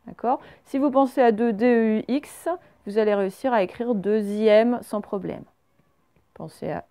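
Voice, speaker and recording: A French woman teaching a reading lesson, speaking slowly and clearly and spelling words out letter by letter. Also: mid-range voice, warm tone.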